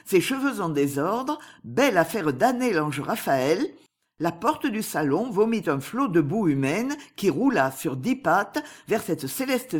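A woman narrating a classic novel as an audiobook, in an expressive, animated reading. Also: mid-range voice, husky. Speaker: audiobook reader.

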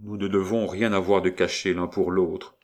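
A man reading an audiobook, voicing a jealous, brooding young nobleman in a soft, hushed, pleading voice. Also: deep voice, flat delivery, normal speed.

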